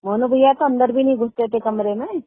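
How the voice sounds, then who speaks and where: A woman's voice: a little high, brisk, no room sound. A middle-aged woman on a phone call who talks at length and speaks in an emphatic, indignant way. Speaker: caller. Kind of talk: phone conversation. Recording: tinny dry phone line.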